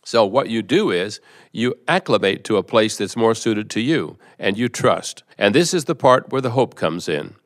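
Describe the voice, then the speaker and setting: A man reading aloud the words of a spirit collective that acts as a patient teacher. He speaks in a measured, explanatory way. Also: lowish voice, lively intonation, lightly acted. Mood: soothing. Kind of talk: reading a seminar transcript aloud.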